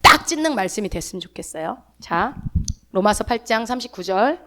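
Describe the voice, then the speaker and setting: A woman pastor giving a sermon in a church, talking in a chatty, animated way with homely asides. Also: medium pitch, fairly quick.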